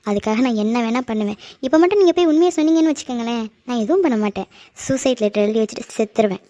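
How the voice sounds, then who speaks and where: A woman's voice: a little high, dark tone, highs cut off, natural voice. A woman voicing a menacing obsessive young woman. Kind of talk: cartoon voice acting.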